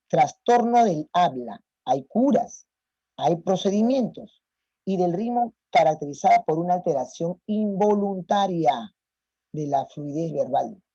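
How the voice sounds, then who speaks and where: Man lecturing, emphatic, dark tone, muffled dry audio. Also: high voice, dry recording. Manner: emphatic, rhetorical questions to students. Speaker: teacher. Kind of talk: online lecture.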